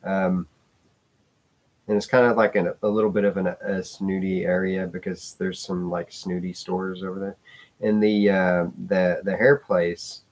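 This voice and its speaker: Man, casual vlogger, low voice, meandering and hesitant, swears offhandedly. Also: level tone, measured pace, darkish tone. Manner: rambling, hesitant, with many fillers and restarts. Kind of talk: casual rambling vlog talk.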